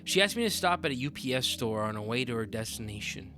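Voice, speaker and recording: A man's voice: medium pitch, big pitch swings, fast talker, over music. A man narrating a story in a conversational, offhand manner with sudden upward swoops. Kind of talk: reading a story aloud.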